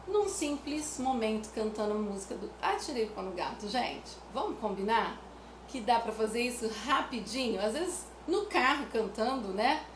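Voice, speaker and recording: A woman from Brazil, explaining music activities for children to parents in a chatty way, often adding "né?". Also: fairly high pitch. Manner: chatty, repeats "né?" often, sings nursery rhymes as examples. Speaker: music educator. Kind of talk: casual teaching talk to parents. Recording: echoey room with faint noise.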